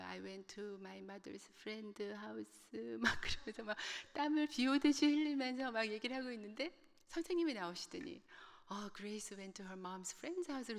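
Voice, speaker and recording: A woman from Korea with a Gyeongsang accent giving a lively, humorous talk to a church group and speaking straight to her listeners. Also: a little high. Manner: lively and humorous, addressing the audience directly. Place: church sanctuary. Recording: long reverb of a church hall.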